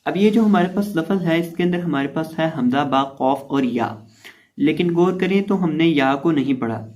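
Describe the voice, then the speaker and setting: A man teaching Quran reading who spells out letters and vowel marks one by one, then repeats each word in a slow, drawn-out recitation with explanations between. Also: fairly high pitch, lively intonation, a little mellow. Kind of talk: step-by-step recitation lesson.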